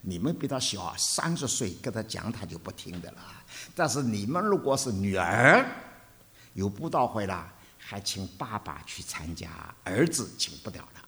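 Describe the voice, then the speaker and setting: An older male preacher gives a sermon. His pitch leaps and falls widely, and he moves from loud to hushed as he tells stories. The delivery is very lively. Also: normal speed. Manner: animated storytelling with sharp swings between loud and hushed.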